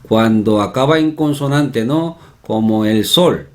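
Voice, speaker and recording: Guy teaching a grammar lesson, talks slow, says everything twice and keeps tossing in little tag questions. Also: medium pitch. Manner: repetitive, checks in with tag questions. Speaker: Korean language teacher. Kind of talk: explanatory online lesson.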